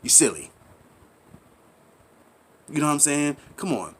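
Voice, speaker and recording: Very animated and husky, with a fairly high, slightly bright voice, a commentary channel host holds forth at a measured pace. It's an impassioned, preachy monologue that rambles and repeats itself, full of rhetorical questions and slangy appeals to the audience.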